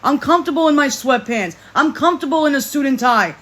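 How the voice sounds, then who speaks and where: Talking directly to the camera, a thirty-something vlogger delivers a casual monologue in what they describe as a deep voice. Their speech is emphatic, expressive, quick and a bit bright, with frequent repetition and restarted phrases.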